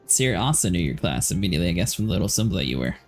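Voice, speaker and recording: A man's voice: sits low, big pitch swings, fast, soft background music. A man hosting a livestream, chatting casually about a game, laughing often and filling his talk with "like". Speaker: livestream host. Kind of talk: casual gaming chat.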